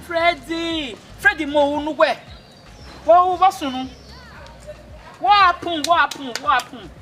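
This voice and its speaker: A stern traditional elder with an Edo Nigerian accent, lecturing in insistent, repetitive pidgin. Her voice sits very high and sounds bright and sharp. She speaks as a middle-aged woman in a Nollywood film. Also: unhurried, faint music behind. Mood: welcoming. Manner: mixes pidgin and local words, insistent and repetitive. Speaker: elder advising a young wife.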